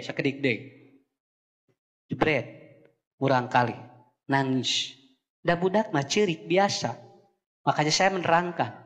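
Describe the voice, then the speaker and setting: Male Sundanese preacher, humorous sermon style, bright forceful tone, long reverb from the hall. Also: on the high side. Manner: switches between Sundanese and Indonesian, jokes with the congregation.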